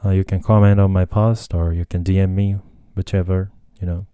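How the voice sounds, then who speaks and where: A man's voice: low-pitched, flat delivery, brisk, warm tone, clear, resonant tone, no room sound, clean studio sound. A young Japanese man with a Japanese accent hosting a casual solo podcast, talking hesitantly with many fillers and self-corrections. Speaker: podcast host. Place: Tokyo, Japan.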